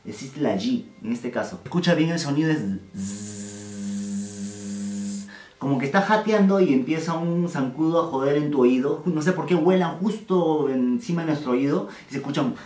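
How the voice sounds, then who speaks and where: A man teaches a casual video lesson, joking and slangy as he drills sounds slowly. His voice sits a little high and sounds set back from the mic in an echoey room. Faint music plays underneath. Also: animated, a little mellow, recorded from a distance, slight background noise. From Peru. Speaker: language teacher.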